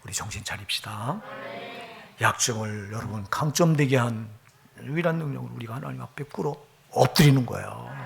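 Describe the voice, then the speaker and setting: A male pastor preaching a sermon, emphatic, with rhetorical questions, dropping to a hush and rising to loud appeals. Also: medium pitch, gravelly. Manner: emphatic, swings from hushed to loud; personal testimony, rhetorical questions.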